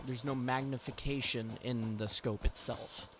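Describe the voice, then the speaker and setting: A man's voice: mid-range voice, unhurried. A man in a casual chat, telling a story and acting out the people in it. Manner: animated storyteller, acts out quotes. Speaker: podcast host.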